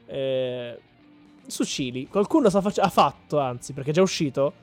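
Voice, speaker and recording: A man's voice: mid-range voice, animated, normal speed, faint music behind. A man co-hosting a casual podcast chat, talking in a chatty, self-correcting way and laughing often. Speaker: podcast co-host.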